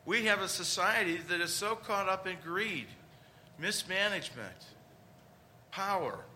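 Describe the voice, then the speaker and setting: A man's voice: sits high, animated, a little slow, bright, forceful tone, a little hiss or hum. A man preaching a conversational homily, with rhetorical questions and emphatic points.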